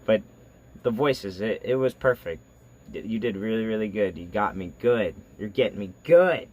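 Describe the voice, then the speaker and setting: A man hosting a reaction video, talking casually in a rambling, halting way full of fillers. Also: lowish voice, animated, darkish tone. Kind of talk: casual chat.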